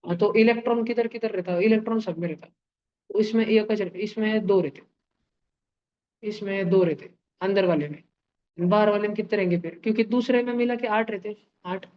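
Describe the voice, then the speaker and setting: A male chemistry teacher explains in a playful, animated way, acting out ideas with sound effects and homely comparisons. He keeps turning to his students with quick questions. The recording is dull and lo-fi. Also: sits high. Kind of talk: live online class lecture.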